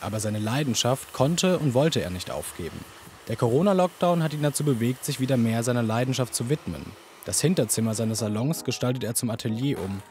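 A man reading a scripted news report as a voice-over in an even, measured way. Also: mid-range voice, slight background noise. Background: music.

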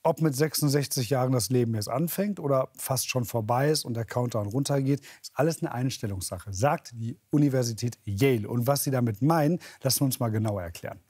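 A man's voice: mid-range voice, brisk, few pauses, a little mellow, husky, no room sound, clean studio sound. A man hosting a TV magazine, chatting with viewers and asking them questions. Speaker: TV magazine host. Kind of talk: live studio moderation.

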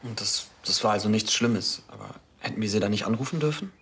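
Actor as worried guy asking questions in a tv medical drama, lowish voice, slight noise. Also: fast, a bit bright, close to an everyday voice. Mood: concerned. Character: concerned, questioning man at a patient's side. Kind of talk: television medical drama acting.

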